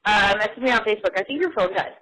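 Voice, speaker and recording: A woman leaving a short, hurried answering machine message, sounding unsure. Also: mid-range voice, expressive, very noisy.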